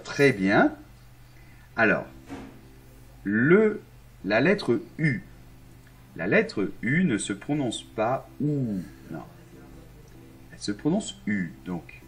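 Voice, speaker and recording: A man teaching French pronunciation, demonstrating each sound slowly and repeating it. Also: medium pitch, big pitch swings, fairly bright tone, soft background music. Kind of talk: pronunciation lesson.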